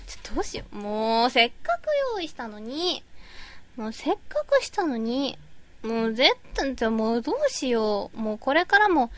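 A woman chats through a live stream, fiddling with her audio settings and answering chat comments as she goes. Her voice sits high and swings widely in pitch. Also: sing-song, normal speed, a bit bright. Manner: chatty, fussing over audio setup, reading chat comments. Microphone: boom mic.

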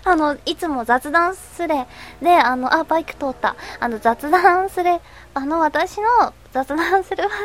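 A woman playing a fifteen-year-old schoolgirl radio host, reading listener comments in a soft, hesitant, giggly way with a stuffy nose from a cold. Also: high voice. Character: shy teenage schoolgirl, fifteen.

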